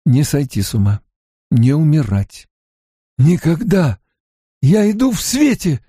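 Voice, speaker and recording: A man voicing a defiant, tormented young fantasy hero in an audiobook, with a hoarse, strained voice. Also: fairly high pitch, very animated, unhurried, mellow, dry recording, clean studio sound, pitched above the performer's own voice, heavily acted. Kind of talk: dramatic audiobook character voice.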